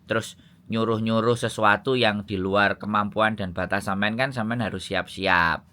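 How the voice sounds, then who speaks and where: A man's voice: lowish voice, steady tone, normal speed, sharp tone. A man with a Javanese accent giving fatherly, lecturing advice in a casual phone chat.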